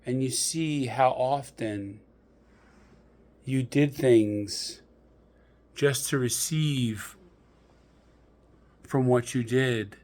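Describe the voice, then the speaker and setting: This guided meditation is told by a man who speaks deliberately and measuredly, leaving pauses throughout. He has a mid-range, darkish voice.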